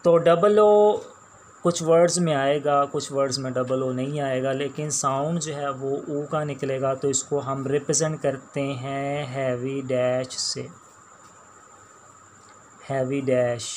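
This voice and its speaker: Slow, patient Pakistani shorthand teacher, a man. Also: mid-range voice, fairly even intonation, darkish tone, a little hiss or hum. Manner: slow, patient, repeats each sound and word. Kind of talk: classroom lecture while writing on a board.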